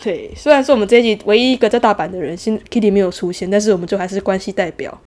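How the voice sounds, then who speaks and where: A woman's voice: medium pitch, rapid-fire, a little mellow. A woman from Taiwan co-hosting a casual podcast in Taiwanese-accented Mandarin, chatty and full of interjections. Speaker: podcast co-host.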